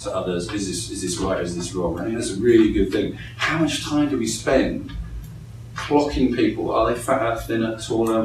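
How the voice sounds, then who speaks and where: A man leading a live coaching training for a group, lively and engaging, often acting out voices. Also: on the low side, slight background noise. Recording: echoey room from a distance.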